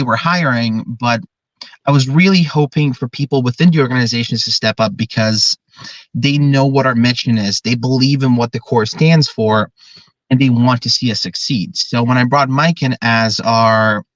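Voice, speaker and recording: A man's voice: medium pitch, no room sound, lo-fi sound. A man in his early twenties, a drum corps director, talking earnestly and at length in a podcast interview. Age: 20s. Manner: earnest, talkative, explains at length.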